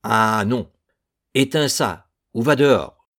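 A man's voice: medium pitch, big pitch swings, slow pace, husky, heavily acted. A man voicing a hearty villager who speaks firmly and emphatically about a boat.

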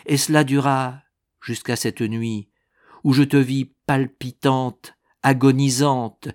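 A man's voice: mid-range voice, lightly acted. A man reading a storybook aloud and voicing an anguished, guilt-ridden old woman as she confesses.

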